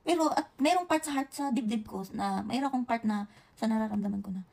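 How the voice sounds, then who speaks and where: A woman with a Visayan accent recounts a story to her viewers in a casual, unscripted way, stumbling over words and restarting often. Her voice sits a little high and has a gravelly edge. She talks in fast bursts. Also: darkish tone. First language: Bisaya. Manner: halting, many restarts and self-corrections. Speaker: vlogger. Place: Japan.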